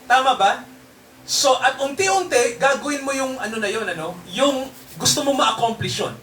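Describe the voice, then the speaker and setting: A man's voice: very high voice, animated, normal speed, fairly bright tone, roomy sound, distant mic, slight background noise. A man preaching a sermon to his congregation in a mix of Tagalog and English, constantly checking in with tag questions. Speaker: pastor. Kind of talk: Taglish sermon.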